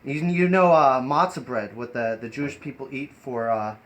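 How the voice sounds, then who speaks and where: On a noisy, improvised live stream full of ambient sound, a male host and performer chats and explains in a rambling, hesitant way. His medium-pitched voice is animated and fairly bright, at a moderate pace.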